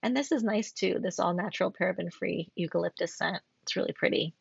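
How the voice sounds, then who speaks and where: Gravelly-voiced woman giving gushing design critiques. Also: lowish voice, a little fast, no room sound. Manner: warm, effusive praise with frequent fillers and self-corrections. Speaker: graphic design instructor. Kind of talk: recorded assignment critique. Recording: dull lo-fi screen recording.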